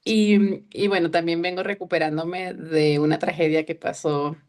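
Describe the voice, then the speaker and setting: A woman's voice: fairly low pitch, fairly even intonation, moderate pace. A woman in her thirties from Venezuela, introducing herself hesitantly in a group session. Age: 30s. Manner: hesitant, with fillers and soft laughs. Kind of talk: personal introduction.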